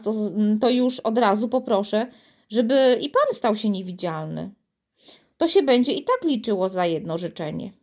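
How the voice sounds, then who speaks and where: A sensible, patient little girl from a children's storybook who calmly explains how things will go, as a woman reader voices her. Her tone stays even, at a middle pitch. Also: lightly acted.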